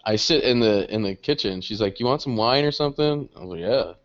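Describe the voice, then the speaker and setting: A young man co-hosting a podcast, spinning a long story with a lively, swooping voice. He swears freely and laughs often as he talks. The recording sounds dull and lo-fi. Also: medium pitch, fairly quick. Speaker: podcast co-host. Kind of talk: casual storytelling chat.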